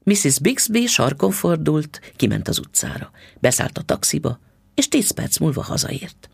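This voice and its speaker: Husky, creaky male storyteller. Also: fairly high pitch, big pitch swings, no room sound. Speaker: narrator. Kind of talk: audiobook reading of a short story.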